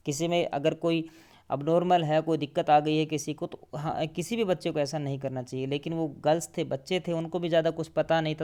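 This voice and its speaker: Teacher slowly explaining a lesson. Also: male voice, on the high side, a little mellow. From India. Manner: reads English lines very slowly, then explains in quick Hindi. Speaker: English teacher. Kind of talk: line-by-line textbook explanation.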